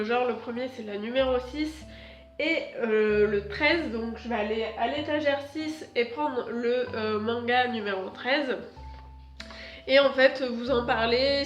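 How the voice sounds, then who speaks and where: A woman talks casually to her viewers while standing by her shelves, pausing often and filling gaps with hesitations. Her voice sits a bit high. The room is echoey, and faint music plays behind her. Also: muffled recording. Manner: chatty, full of hesitations and fillers; moves about while talking, standing. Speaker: booktuber. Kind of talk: casual vlog chat. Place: at home by her bookshelves.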